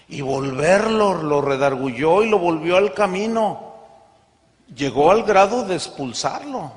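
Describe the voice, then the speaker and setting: Emphatic preacher in a reverberant hall. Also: male voice, on the high side. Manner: emphatic, swings between loud scripture reading and soft asides. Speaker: pastor. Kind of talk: sermon.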